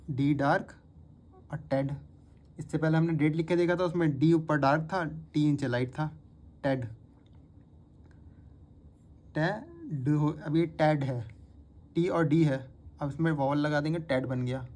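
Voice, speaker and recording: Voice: medium pitch, measured pace, long pauses, a little mellow. Patient steno teacher drilling words aloud. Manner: patient, repeats each word several times. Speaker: shorthand teacher. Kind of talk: step-by-step spoken lesson. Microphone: phone.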